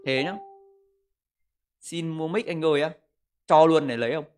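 A man's voice: a little high, brisk, darkish tone. A man, livestreaming from a room at home and joking crudely as he reads viewer comments into a desk mic. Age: 20s. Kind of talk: casual livestream chat. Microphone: desk microphone.

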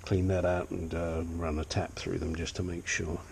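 A man's voice: sits low, level tone, moderate pace, vocal fry, darkish tone, slight background noise. An older man with a sniffly nose giving a blunt, chatty walkthrough of his engine work in a home garage. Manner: blunt, chatty, self-deprecating. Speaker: hobbyist engine restorer. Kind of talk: casual workshop walkthrough. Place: cluttered home garage workshop.

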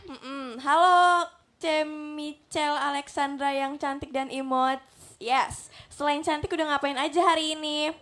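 A woman's voice: high-pitched, fairly even intonation, unhurried, fairly bright tone. A young woman, an idol trainee, reading fan messages aloud with giggles in casual group chat.

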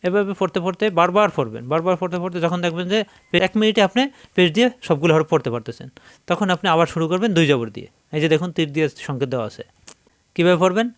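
A man teaching how to read Arabic letters, patiently explaining and reciting them in quick drills. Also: sits high, lively intonation, no room sound. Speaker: Quran reading teacher. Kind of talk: Arabic letter reading lesson.

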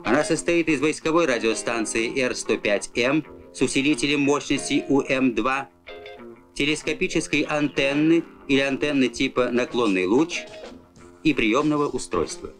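A man's voice: mid-range voice, moderate pace, fairly bright tone, soft background music. A man reading formal, instructional scripted narration in the manner of a 1980s Soviet military training film. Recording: old film soundtrack.

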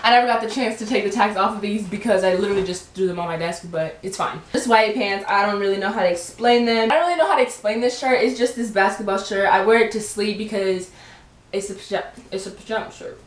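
A woman's voice: medium pitch, fast, echoey room. A young woman chatting casually through a clothing try-on haul, giggly and often stumbling over her words. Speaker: vlogger.

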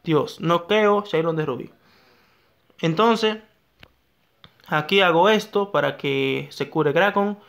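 Excitable high-voiced young man gaming. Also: slow pace, creaky, long pauses. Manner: excitable, talks to himself and viewers, repeats phrases. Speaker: gaming YouTuber. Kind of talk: live gameplay commentary.

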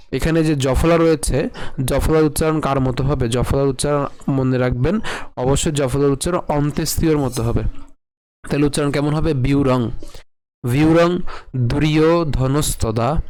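A man gives a recitation lesson. He patiently breaks each word apart and repeats it slowly. His voice sits a little high and has a clean, resonant tone. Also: a little mellow, clean tone, no room sound, low-quality recording. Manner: patient, explains letter by letter, repeats words slowly. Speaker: Sanskrit recitation teacher. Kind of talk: spoken pronunciation lesson with slow chanted verse.

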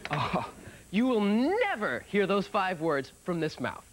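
A man's voice: sits high, wildly swooping pitch, slow pace, exaggerated voice. An actor playing an exasperated young man begging a friend to let him off a bet, in a sitcom. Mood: pleading. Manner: pleading, exasperated. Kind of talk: sitcom acting.

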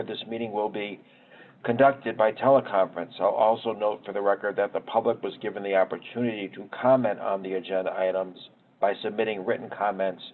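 A man acting as committee chair over a teleconference line, reading formal procedure in a measured way. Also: lowish voice. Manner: measured, reads set phrases. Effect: heard over a teleconference line. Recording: tinny phone-line sound, faint noise.

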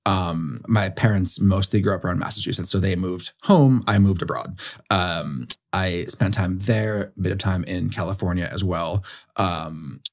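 A young man from Bermuda, a podcast guest, telling stories in a relaxed way, full of "like" and "um". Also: sits low, normal speed. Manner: relaxed storytelling, heavy use of "like" and "um". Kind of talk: casual conversational interview.

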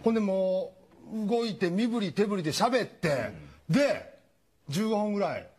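A man's voice: high voice, normal speed. A man with a Kansai accent telling a comic story on a talk show and acting out each character. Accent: Kansai Japanese. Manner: animated, acts out every character. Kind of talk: comedic anecdote on a talk show. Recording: studio audience laughter behind.

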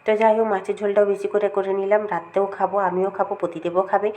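A middle-aged woman chatting casually to her viewers at home, rambling about her day, with a cold and a slightly hoarse throat. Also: mid-range voice, little pitch movement, racing, a little mellow. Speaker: vlogger. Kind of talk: casual daily-life vlog chat.

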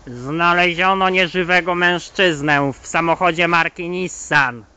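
A man playing a newsreader who announces a grisly death in a measured mock bulletin for a horror film. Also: a little high, fairly even intonation, sharp tone, clear, resonant tone. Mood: grave announcing. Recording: dull lo-fi sound.

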